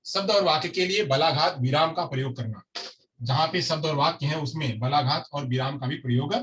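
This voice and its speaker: A man's voice: a little high, fairly quick, fairly bright tone. A man teaching a lecture, often repeating phrases and answering his own questions. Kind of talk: explanatory lecture. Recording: distant mic with faint noise.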